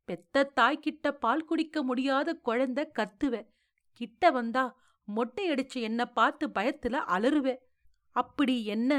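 A woman voicing a grieving old grandmother. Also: high-pitched. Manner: scolding, pleading, tearful questioning. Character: grieving old grandmother, sharp-tongued widow.

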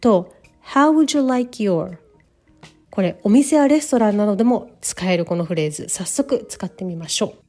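A woman hosting a podcast English lesson, modeling pronunciation slowly and repeating words. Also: medium pitch, lively intonation, warm tone, faint music behind. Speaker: English teacher. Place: lives in Canada.

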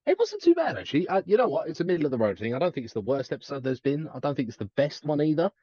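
A Welsh-heritage man with family on the south coast co-hosts a podcast, chatting casually in a rambling, hesitant way full of fillers and restarts. His fairly high voice races along in a sing-song lilt with a dark, slightly rough tone. The recording is muffled, with no echo.

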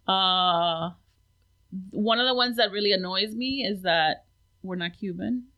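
In a casual interview chat, a woman in her forties who was born in the United States reflects on things, her speech full of ums and fillers. She talks at a medium pitch and a little slowly, and the recording has its highs cut off.

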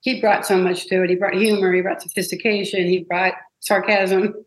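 A woman guest telling stories in an interview, animated and emotional, with many restarts. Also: mid-range voice, moderate pace. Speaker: guest, advertising copywriter. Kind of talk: interview storytelling. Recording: roomy echo.

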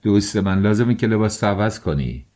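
A man's voice: on the low side, expressive, warm tone, close to an everyday voice. A man voicing an eager, chatty young friend. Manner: eager, talkative, coaxing. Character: cheerful fussing young male friend.

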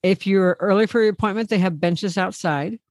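A middle-aged woman talks in a loose, chatty way and laughs often. Her pitch sits in the middle of the range. The recording is dry and close. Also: brisk, a little mellow, dry recording. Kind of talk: casual chat.

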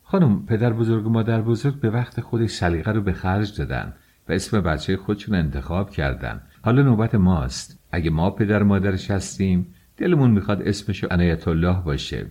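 A man's voice: low voice, dark tone, slightly rough. A man reading an audiobook, voicing an irritable young husband who scolds brusquely. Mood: irritated.

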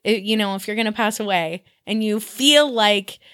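Woman cohosting a music podcast, lively and laughy, mid voice, dry close mic. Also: mid-range voice, moderate pace, no room sound. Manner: animated, laughs often. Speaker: podcast co-host. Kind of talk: casual chat.

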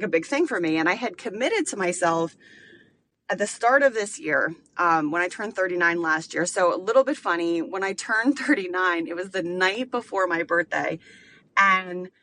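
Rambling candidly through a casual solo episode, this podcast host in her late thirties uses plenty of filler words. Her voice is lowish, expressive and sharp in tone, at a moderate pace, with slight background noise.

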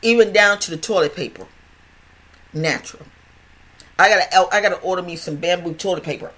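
The pitch is medium and the pace fairly quick, with a sharp tone. It's a casual health podcast monologue from an older host who stutters, chatting and rambling with frequent restarts and repetitions.

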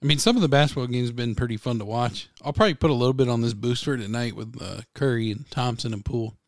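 Relaxed young man chatting about bets. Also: medium pitch, quick pace, dry recording, clean studio sound. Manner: relaxed, laughs along, chats about bets. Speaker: podcast co-host. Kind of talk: casual podcast chat.

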